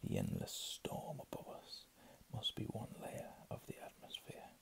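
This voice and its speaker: In a low ASMR whisper, a man reads slowly under his breath, pausing now and then for casual, murmured asides.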